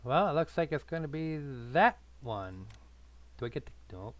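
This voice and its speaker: A man's voice: a little high, big pitch swings, moderate pace, no echo, poor audio. A man streaming a farming game, chatting casually with friends, swearing often and teasing them. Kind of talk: casual gaming chat.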